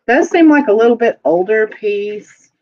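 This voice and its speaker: A woman's voice: fairly high pitch, animated. Chatty woman on a muffled stream. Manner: chatty, rambling, quick to laugh. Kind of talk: casual live-stream chat.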